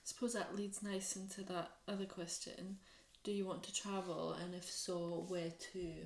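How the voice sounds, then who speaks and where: A woman's voice: on the low side, little pitch movement, moderate pace. A young woman chatting casually and bantering as she hosts a couple's question-and-answer vlog. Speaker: vlogger reading questions in a couple's Q&A. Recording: echoey room, distant microphone.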